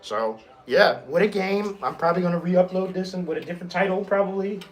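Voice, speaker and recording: Casting: hoarse, high-voiced man hosting a live sports watch stream, excitable and swearing. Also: a little fast. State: hoarse, losing his voice. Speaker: stream host.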